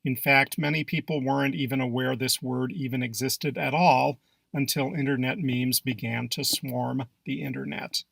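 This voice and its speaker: A man narrating a scripted English pronunciation lesson in a dry, measured way. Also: mid-range voice, steady tone, vocal fry, a bit bright.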